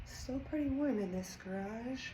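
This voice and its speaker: In this casual training vlog, a former weightlifter gives coaching tips between sets, slightly out of breath, her young voice fairly high, unhurried and a little nasal and congested. She's in a home garage with the camera set up at a distance, so the recording is echoey with background noise.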